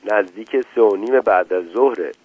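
A man's voice: lowish voice, breathy edge, no echo. A man voicing a young wife who is sulky, hurt and coaxed into laughter, in an old radio story. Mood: quiet. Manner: soft and hurt, pleading. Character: young wife, sulky then tearful and playful. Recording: tinny dry lo-fi radio recording.

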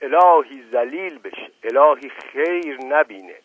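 A man's voice: mid-range voice, close to an everyday voice. Sly, flirtatious teasing nobleman, read by a man. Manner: mumbling asides, mock piety, teasing. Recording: dry, tinny lo-fi radio recording.

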